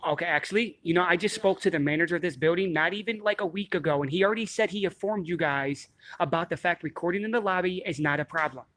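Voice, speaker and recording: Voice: mid-range voice, quick pace, a bit bright, no room sound. A blunt, insistent person who repeats demands and swears, arguing and commenting confrontationally while filming in a building lobby. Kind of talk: confrontational argument and commentary to camera.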